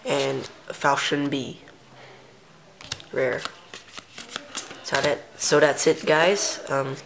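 A woman's voice: sits low, a bit bright. A young woman giving casual commentary as host of a home-recorded unboxing video. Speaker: trading card video host. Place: room at home. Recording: faint background noise.

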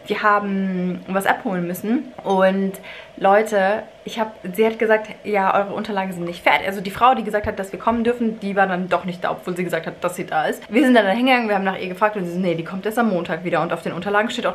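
A woman's voice: mid-range voice, a little hiss or hum. A woman vlogging casually, a mother who retells her day and acts out the dialogue of the people in it. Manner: chatty storytelling, acting out dialogue with "ich so, sie so". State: exhausted from cleaning in the heat. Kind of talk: casual vlog chat. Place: home, then garden outdoors.

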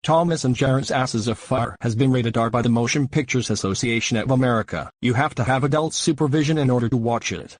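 A man's voice: mid-range voice, fairly quick, few pauses, dry recording, close to an everyday voice. Man as a formal cartoon ticket clerk. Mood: officious. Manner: formal, by-the-book.

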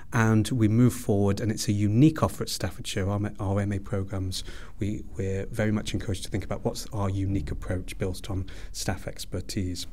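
A university head of department, appearing as an interview guest, gives explanatory answers in an academic manner. His voice is lowish and a little mellow.

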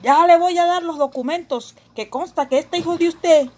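A woman voicing a stern, suspicious male police officer who talks loudly and accusingly. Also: extremely high pitch, expressive, slow, pitched above the performer's own voice, heavily acted. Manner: loud, accusing.

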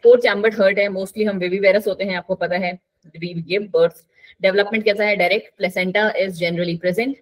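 A woman's voice: medium pitch, steady tone, moderate pace. A woman teaching a live online biology class, chatty and coaxing, mixing English terms into her talk.

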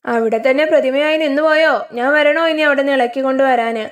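A woman's voice: sits high, brisk, lightly acted. A woman voicing a young husband in a told story, teasing and tender. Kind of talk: storytelling with acted dialogue.

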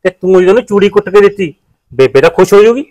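A village husband tries to calm his family and lectures them, played by a man. His voice is fairly high and his speech is quick. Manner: lecturing, pleading, persuasive. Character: village husband and son, peacemaker.

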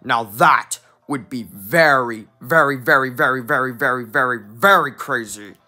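A young fan voicing a boastful, short-tempered male penguin king who blusters, repeats himself and yells insults. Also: medium pitch, normal speed, faint music behind. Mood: bored.

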